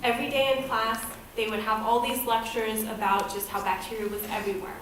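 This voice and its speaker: Standing at a podium in an event hall, an American woman in her thirties who grew up in Boston shares a candid personal talk as a guest presenter. She speaks briskly with a fairly high, level, fairly bright voice, picked up by a distant mic amid slight background noise and heavy echo.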